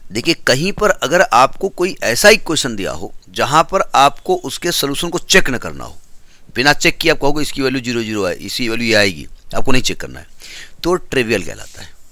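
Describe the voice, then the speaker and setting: A man's voice: mid-range voice, sing-song, a little fast, pushed and bright, dry recording. A man teaching a maths lecture, explaining step by step and repeating key terms. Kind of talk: classroom lecture.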